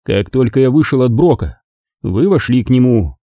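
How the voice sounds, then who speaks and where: Male reader as a dark-voiced tough guy, blunt, accusing, lively delivery. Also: medium pitch, moderate pace, dry recording, close to an everyday voice. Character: dogged male gangster-investigator, blunt and accusing.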